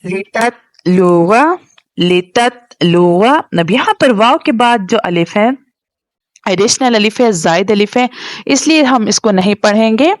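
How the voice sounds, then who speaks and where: A woman teaching a tajweed lesson, spelling words out letter by letter in long drawn-out recitation, then explaining quickly. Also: on the high side, expressive, no echo.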